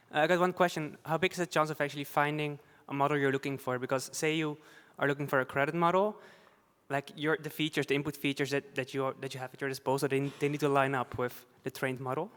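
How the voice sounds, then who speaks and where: A man's voice: a little high, fairly even intonation, fast, fairly bright tone, clear, resonant tone. A man asking a spontaneous question from the audience in a reverberant hall. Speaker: audience member. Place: large hall at a live event.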